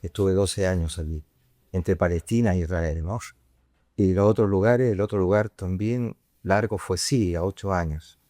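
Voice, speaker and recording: A man's voice: low voice, normal speed, dark tone, dry recording, studio quality. A man, a priest giving an informal retreat talk in a conversational way that often ends on a questioning tag. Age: 50s.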